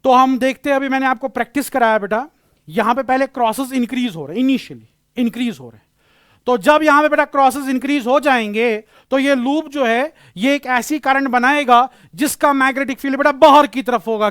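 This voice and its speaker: A man's voice: extremely high pitch, brisk, fairly bright tone, clean tone, no room sound, clean studio sound. A male physics teacher giving a classroom lecture, explaining patiently, repeating key phrases and using terms.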